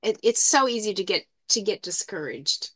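A woman with a bright, forward voice and lively, swinging intonation. She talks casually as a client in a coaching conversation, hesitating and thinking things through aloud. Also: mid-range voice, moderate pace, no echo.

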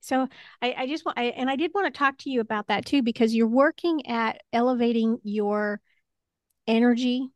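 A woman with a slightly high voice talks one-to-one as a spiritual coach. She offers gentle, reassuring guidance in a conversational way. The sound is very dry, with no room around it. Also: normal speed, no echo.

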